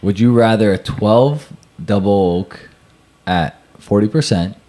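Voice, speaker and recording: A man, speaking in a very deep, low register. He talks casually and bluntly, leaning hard on his opinions and stretching words for emphasis. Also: animated, unhurried, dark tone. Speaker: podcast co-host. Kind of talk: casual chat.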